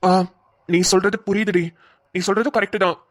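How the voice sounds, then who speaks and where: A young policeman speaks in a steady, reassuring way to someone he protects, voiced by a woman. His voice sits in a plain middle range. It is a voice for a cartoon drama. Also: medium pitch, fairly quick, natural voice. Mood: caring. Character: caring young male police officer. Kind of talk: cartoon voice acting.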